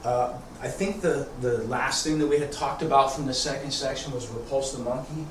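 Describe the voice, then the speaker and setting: A man teaching tai chi informally, thinking aloud haltingly as he demonstrates, with a congested throat. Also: mid-range voice. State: throat congested, often clearing it. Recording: echoey room, distant mic, background noise.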